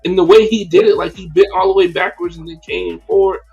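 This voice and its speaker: Man, podcast host, animated, slangy, profane, raised pitch, muffled lo-fi sound, faint music. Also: fast talker, vocal fry, breathy edge. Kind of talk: casual livestream podcast chat. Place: livestream podcast setup.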